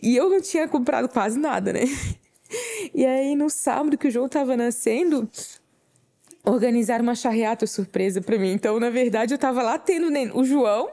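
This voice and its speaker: A woman shares a heartfelt faith testimony. Her voice sits a little high and sounds mellow and warm. She speaks earnestly, replaying her own words as she tells the story. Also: fairly quick. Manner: earnest, tearful at times, acts out her own quoted words. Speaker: podcast guest.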